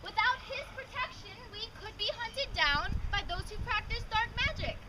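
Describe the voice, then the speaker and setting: Woman acting a very high-voiced solemn lady mage, renaissance faire. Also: expressive. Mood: firm, solemn. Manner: formal, measured, declamatory. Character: composed, solemn noble lady mage, counselling faith. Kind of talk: live renaissance faire stage acting, formal old-fashioned fantasy speech. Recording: distant outdoor recording, loud ambient noise.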